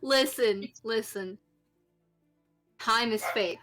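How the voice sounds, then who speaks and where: High, lively woman player, slow and playful, faint music underneath. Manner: playful, laughs often. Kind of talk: casual chat.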